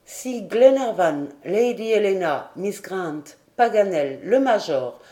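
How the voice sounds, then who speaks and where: A woman narrating a classic adventure novel as an audiobook, in a measured, steady reading. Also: medium pitch. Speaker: audiobook reader.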